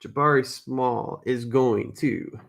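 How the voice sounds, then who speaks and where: A man with a gravelly, creaky voice hosts a live card break in an easy, unhurried way. He talks casually, calls out viewers by name and openly corrects his own slips. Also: medium pitch.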